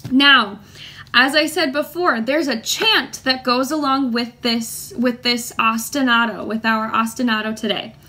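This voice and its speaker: Woman music teacher, high bright voice, slow clear speech, rhythmic chanting. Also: fairly even intonation. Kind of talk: children's music lesson.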